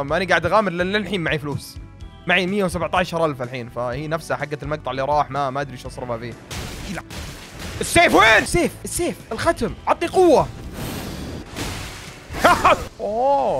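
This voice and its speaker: Excitable high-voiced man. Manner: panicky, yelling and repeating words under pressure. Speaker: gaming video creator. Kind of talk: excitable let's-play commentary to viewers.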